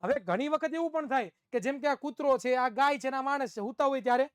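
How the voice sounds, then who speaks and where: A man's voice: extremely high pitch, fast, clean tone, dry recording. A male science teacher, giving an online class in a playful way, repeating phrases and acting out students' replies.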